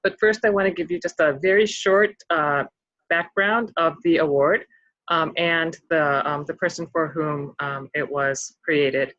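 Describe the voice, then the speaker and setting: A host presenting scholarship awards at an online ceremony, pausing often with ums and slightly losing their voice. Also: mid-range voice, a bit bright, no room sound, highs cut off. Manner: halting, many ums.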